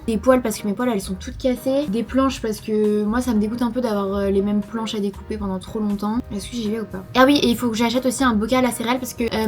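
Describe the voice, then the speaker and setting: A woman in her twenties from France with a French accent and a slight lisp, chatting casually and emphatically in a self-deprecating, talkative vlog style. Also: fairly high pitch. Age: 20s. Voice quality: slight lisp from dental aligners. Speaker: lifestyle vlogger.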